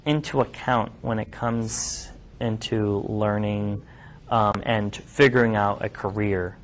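A New York physician in his thirties gives an informal classroom talk to medical students, taking audience questions and speaking conversationally with many ums and restarts. His voice is medium-pitched, with slight background noise in the indoor classroom lab.

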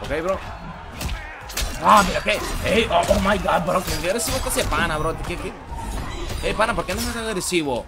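A man's voice: high voice, lively intonation, a little fast. Hyped, slangy male game streamer. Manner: hyped, slangy, repeats shout-outs. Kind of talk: casual live-stream commentary. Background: game music.

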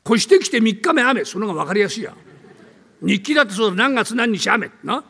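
An older man from Tokyo with a downtown Tokyo accent, playing a brash, bullying male tenant in a comic storytelling act, gruff and teasing. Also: high-pitched, animated, a little fast, bright, forceful tone, in a large hall, full character voice. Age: 70s. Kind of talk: rakugo storytelling.

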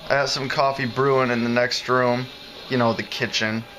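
A man's voice: mid-range voice, level tone, fairly bright tone, a little hiss or hum. A young man in a casual home vlog, chatting playfully and giggling with fillers, recorded indoors at a house on a handheld camera. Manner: playful, giggly, jokey with long pauses and fillers. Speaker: vlogger.

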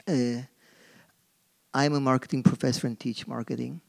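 A middle-aged Turkish man with a Turkish accent speaks as a marketing professor on a forum panel, hesitant, with lots of fillers and restarts. His mid-range voice is level in tone, moderately paced, creaky and a little mellow. He talks into a gooseneck podium mic on the stage of a dark auditorium.

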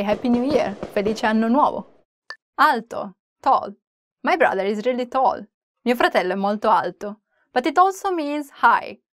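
A young Italian woman with a fairly high, Italian-accented voice delivers a playful, chatty language lesson to camera, moving back and forth between English and Italian examples. The shot shows her head and shoulders in a small indoor room with a plain wall or flag backdrop, and the audio is clean studio sound with no room sound.

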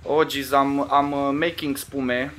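Excitable Romanian man yelling at a game. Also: medium pitch, a little hiss or hum. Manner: swearing, taunting and yelling at other players. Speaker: gamer commentating his own play. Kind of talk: casual gaming commentary.

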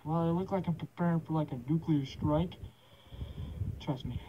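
A man's voice: fairly high pitch, fairly even intonation, moderate pace. Young man talking through a gas mask. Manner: offhand, swears a lot, rambles. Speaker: vlogger. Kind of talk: casual rambling vlog talk. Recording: dull lo-fi with faint hiss.

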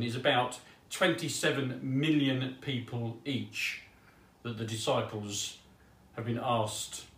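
A man gives a casual sermon in a chatty, self-deprecating manner, scattering ums as he goes. His voice sits at a middle pitch and is picked up from a distance, so an echo in the room surrounds it. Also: fairly bright tone. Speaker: preacher. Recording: roomy sound from off mic.

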